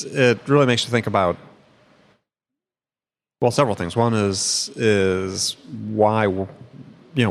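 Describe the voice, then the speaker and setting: Low-voiced man hosting, losing his voice. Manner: rambling, self-interrupting, chuckles often. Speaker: podcast host. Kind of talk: casual conversational chat.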